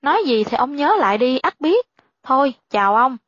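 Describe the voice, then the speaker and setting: A woman voicing a frightened, sharp-tongued widowed mother in a storybook, with tense, clipped speech. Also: high-pitched, big pitch swings, normal speed, no echo, highs cut off, exaggerated voice. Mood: curt.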